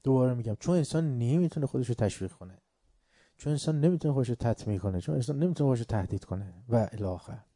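A man's voice: medium pitch, expressive, warm tone, dry recording, clean studio sound. A man giving a religious lecture on upbringing, emphatic and repetitive, asking rhetorical questions and acting out folk anecdotes. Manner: emphatic, repeats word lists, asks rhetorical questions.

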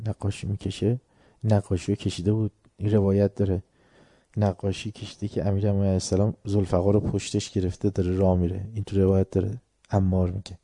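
A man preaching a religious sermon with passion, often swelling loud and then dropping low. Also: creaky, dry recording, studio quality.

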